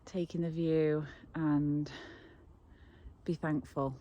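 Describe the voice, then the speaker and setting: A woman farmer narrating a casual outdoor vlog on a frosty morning, soft-spoken and reflective, a little out of breath. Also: low-pitched, level tone, slow. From England. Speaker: farmer and vlogger.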